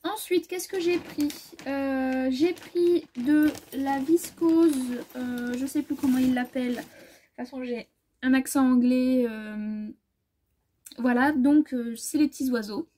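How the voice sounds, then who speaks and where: A woman sewing vlogger chatting casually through a fabric haul, rambling and correcting herself as she measures, often trailing off softly. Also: high-pitched, slow, slight background noise. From France.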